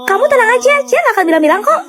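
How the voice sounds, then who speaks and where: A woman's voice: very high voice, sing-song, rapid-fire, fairly bright tone, soft background music, exaggerated voice. A woman voicing a cheerful, chatty little girl who speaks sweetly. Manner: sweet, friendly.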